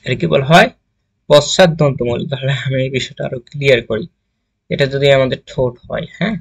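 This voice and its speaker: A man's voice: medium pitch, fast talker, creaky, breathy edge. A man teaching a grammar lesson, asking the class questions, answering them himself and sounding out letters one at a time. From Bangladesh.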